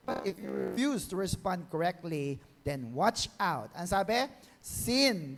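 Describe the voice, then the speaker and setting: A male pastor with a Filipino accent, preaching a Bible-teaching sermon and mixing Tagalog with English. He often asks the church for an amen and draws key phrases out slowly. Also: a little high. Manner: mixes Tagalog and English, calls for amens, stretches key words slowly.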